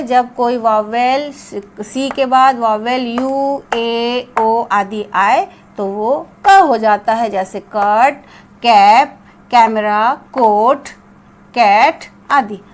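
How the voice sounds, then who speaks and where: A woman's voice: high-pitched, extremely slow. A woman teaching a classroom-style lesson, spelling out letters and repeating sounds for emphasis. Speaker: English teacher.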